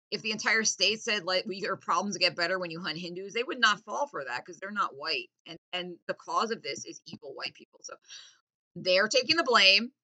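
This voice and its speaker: A woman's voice: on the low side, bright, forceful tone. A woman delivering a sarcastic, mock-earnest political rant, sometimes laughing at her own irony. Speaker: satirical commentator.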